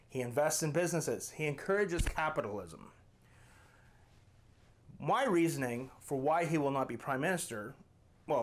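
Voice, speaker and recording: A man hosting his own channel, arguing his opinion to camera with emphatic rhetorical questions. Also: a little high. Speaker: channel host.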